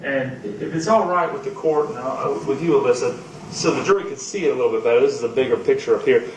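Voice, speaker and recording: A man questioning a witness as an attorney, in a halting, folksy, courteous and conversational way. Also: mid-range voice. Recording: roomy, distant, noisy courtroom pickup.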